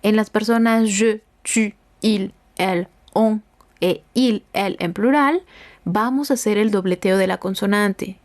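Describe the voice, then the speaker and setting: A woman teaching French grammar as a language lesson, explaining slowly and carefully and repeating example sentences. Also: medium pitch. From Mexico.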